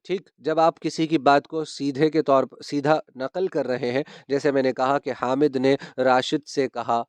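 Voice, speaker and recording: A man's voice: mid-range voice, flat delivery, clean tone, no echo. A man teaching a grammar lesson, patiently repeating key terms and checking that his students understand. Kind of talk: grammar lesson explaining punctuation.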